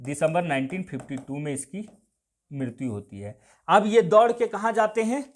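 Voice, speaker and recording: A man's voice: fairly high pitch, very animated, moderate pace. A man teaching an exam coaching class, who keeps repeating points and asks his own questions before he answers them, with a Jharkhand Hindi accent. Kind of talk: classroom lecture.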